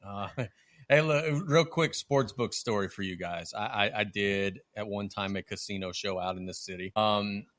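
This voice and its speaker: A man hosting a laid-back podcast, telling stories with quick asides. His voice is bright and forceful. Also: on the low side. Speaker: podcast host. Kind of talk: casual chat.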